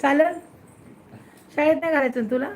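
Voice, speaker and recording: Recorded indoors on a phone, a woman in a casual home video coaxes children and playfully scolds them while teaching. Her voice sits high and moves fairly quickly, with a little hiss or hum.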